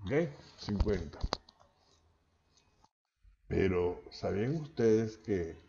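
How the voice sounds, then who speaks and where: This linguistics professor, a man with a Venezuelan accent from Maracaibo, speaks in a deep, mellow voice with vocal fry, lively intonation, and an extremely slow pace. Lecturing chattily over a video call, he keeps tagging lines with "¿ok?" to check in. The audio is dull and lo-fi.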